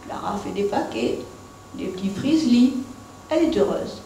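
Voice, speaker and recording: A woman storyteller reading a Christmas tale aloud in an expressive, homely way. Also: a little high, normal speed, far from the mic, slight background noise. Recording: echoey room.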